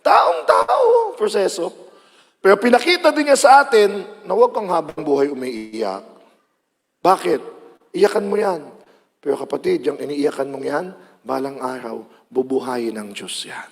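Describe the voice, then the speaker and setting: A man with a Filipino accent preaching a sermon, dramatic, moving between loud outbursts and hushed lines. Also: a little high, expressive, moderate pace, gravelly, long pauses, in a large hall.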